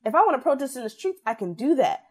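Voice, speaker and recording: A young woman talking through her views in a casual podcast conversation. She is opinionated and animated, acting out what other people said as she goes. Her voice sits a little high. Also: fast talker, husky.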